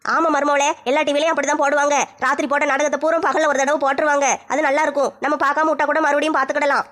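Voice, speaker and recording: Sharp-tongued mother-in-law, fast and flat, played by a woman. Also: sits high. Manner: rapid, blunt, scolding. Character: bickering middle-aged mother-in-law.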